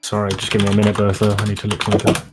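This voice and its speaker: A man's voice: lowish voice, monotone, racing, loud music behind the voice. A man narrating a tabletop game as game master, talking players through their actions.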